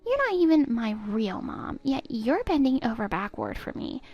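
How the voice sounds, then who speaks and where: A woman's voice: fairly high pitch, very animated, moderate pace, lo-fi sound, soft background music. A woman voicing a spiteful stepdaughter in her twenties who sneers and cuts down her stepmother. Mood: scornful. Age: 20s. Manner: sneering, cutting, contemptuous. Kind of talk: text-story voice acting.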